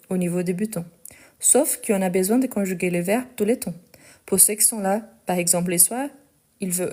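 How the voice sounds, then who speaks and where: A woman with a warm, mid-range voice leads a live online French lesson. She speaks slowly and carefully, repeating every sentence and spelling out the verb endings.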